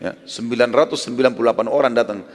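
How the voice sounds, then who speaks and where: Brief: animated male preacher narrating and explaining, medium pitch, long reverb. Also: rapid-fire. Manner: animated, explanatory, addresses listeners as friends. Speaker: preacher, storyteller. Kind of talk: religious storytelling lecture.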